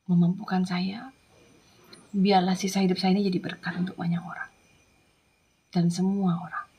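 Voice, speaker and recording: A woman from Madura, an evangelist, giving an earnest, emotional testimony that often drops into soft whispers. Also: on the low side, slightly rough. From Madura, Indonesia.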